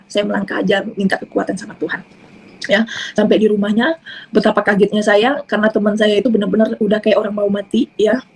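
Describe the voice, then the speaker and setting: Gravelly-voiced woman with a Bugis accent. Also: mid-range voice, darkish tone, rough recording. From South Sulawesi. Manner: halting, unhurried storytelling. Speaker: convert giving testimony. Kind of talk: personal testimony.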